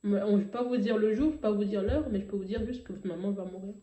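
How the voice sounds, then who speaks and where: Woman, warm mellow voice, heartfelt hesitant testimony, roomy slightly dull recording. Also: mid-range voice, steady tone, quick pace. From Africa. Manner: emotional, hesitant, many fillers and restarts. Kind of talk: personal testimony.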